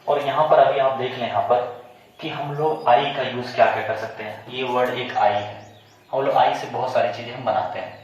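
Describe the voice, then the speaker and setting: A man's voice: mid-range voice, fairly even intonation, moderate pace. A male teacher giving a classroom pronunciation lesson, quizzing his pupils and spelling words out letter by letter before repeating them. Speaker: English teacher. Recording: echoey room, muffled sound.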